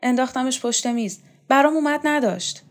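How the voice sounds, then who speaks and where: A woman voicing a desperate young man who begs in a high, strained voice in a read-aloud novel. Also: lightly acted. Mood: distraught.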